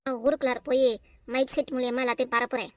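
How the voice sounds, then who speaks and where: Woman playing a middle-aged village busybody, scheming, exclamatory, Tirunelveli Tamil accent, fast delivery. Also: high-pitched, little pitch movement, heavy background noise, close to an everyday voice.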